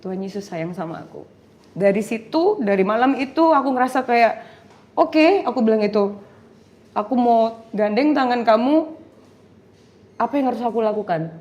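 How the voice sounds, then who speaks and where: A young woman, somewhat high-voiced, tells her testimony with lively, animated storytelling. She acts out the voices in her story and mixes in English phrases as she goes. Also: normal speed, long pauses, dull audio. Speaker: guest giving a testimony. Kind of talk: emotional testimony interview.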